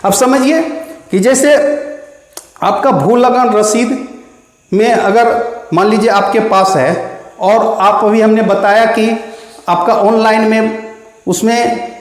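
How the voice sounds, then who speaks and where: In a very echoey room with long reverb, a man with a high-pitched voice speaks slowly and pauses often. He explains online land-record services, walking viewers he calls friends through an online application process step by step, as a spoken tutorial.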